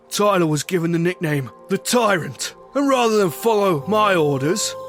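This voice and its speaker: A man's voice: sits high, a bit bright. An actor playing a hearty, boastful pirate captain who tells his sea tales in salty pirate dialect. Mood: wistful. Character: bearded male pirate captain, hearty, boastful, wistful narrator. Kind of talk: scripted pirate adventure narration.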